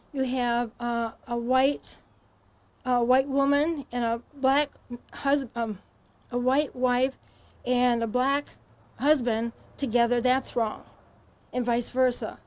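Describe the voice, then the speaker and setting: A woman answering questions as a talk show guest, halting and hesitant with many pauses and ums. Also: a little high, little pitch movement. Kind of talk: studio interview answers.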